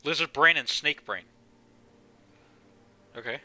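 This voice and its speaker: A man's voice: a little high, slow, bright, forceful tone. A young man streaming a game live, chatting casually and rambling, with the odd swear. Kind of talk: casual live gameplay commentary.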